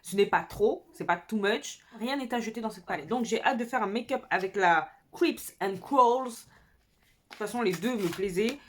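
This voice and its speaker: A woman's voice: medium pitch, moderate pace. A woman beauty vlogger talking casually and enthusiastically to her viewers while she does her makeup. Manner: chatty, enthusiastic, addresses viewers directly. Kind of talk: casual makeup tutorial chat.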